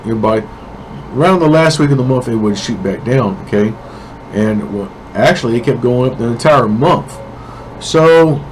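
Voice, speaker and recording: A man with a cold talks through his weekly currency predictions, his voice congested and thick. He keeps things casual and checks in with the listener again and again. His voice sits at a middling pitch over a faint background hiss. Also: darkish tone, poor audio. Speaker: forex trading analyst. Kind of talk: weekly market prediction talk.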